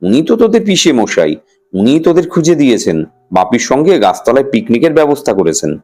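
A man voicing a fond young mother who speaks with gentle surprise. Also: mid-range voice, sing-song, a little fast, faint music behind.

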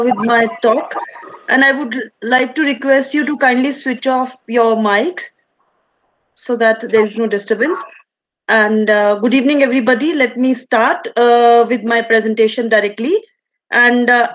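A woman with an Indian accent giving an online lecture with a screen demonstration, explaining in a halting way over a video call. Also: on the high side, low-quality recording. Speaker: resource person, lecturer. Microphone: video call from computer.

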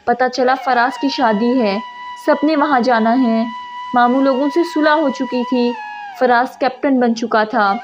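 Woman storyteller, emotive narration, high voice, muffled audio, music underneath. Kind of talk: scripted narration of a sad story.

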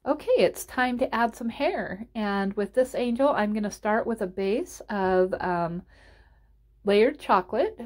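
A woman's voice: medium pitch, lively intonation, a little slow. Woman casually narrating a craft tutorial. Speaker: painting tutorial host. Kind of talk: casual instructional voice-over.

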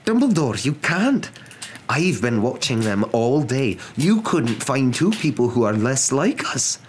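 A man's voice: medium pitch, wildly swooping pitch, takes it slowly, fairly bright tone, slight background noise, voice pushed up, full character voice. A man voicing a stern, anxious older witch professor, faltering and emphatic, in a storybook reading. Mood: appalled.

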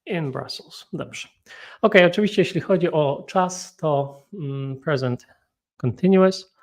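A Polish man with a Polish accent teaching an English grammar lesson, talking slowly and thinking aloud while feeling unwell. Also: a little high. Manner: slow, thinking aloud with frequent hums. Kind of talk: solo grammar and pronunciation lesson.

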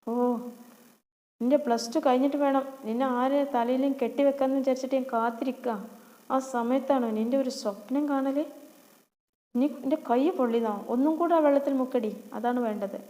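A woman's voice: high-pitched, steady tone, moderate pace, mellow, big-room sound, lightly acted. Woman doing a harsh scolding stepmother. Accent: Malappuram Malayalam. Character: cruel shouting stepmother, middle-aged woman.

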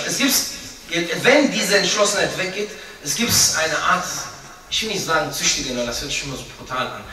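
A man's voice: a little high, bright, forceful tone. A young man giving an informal, chatty sermon, joking and acting out little scenes as he preaches. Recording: echoey room, voice from a distance.

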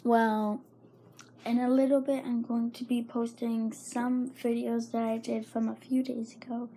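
A young woman with a sore throat talking softly and hesitantly in a casual vlog update. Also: fairly high pitch, flat delivery, a little slow, slight background noise. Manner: soft-spoken, hesitant, with fillers. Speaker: vlogger.

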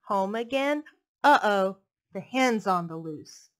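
A woman in her thirties, a librarian doing storytime, reads picture books expressively for children in her living room, her headset mic catching a playful sing-song rhythm. Her medium-pitched voice is animated and slow-paced.

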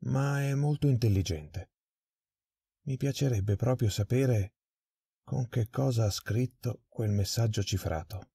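A man voicing a stern male prison warden who asks gruff, commanding questions. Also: mid-range voice, measured pace, dark tone, no room sound, studio quality, voice pushed up.

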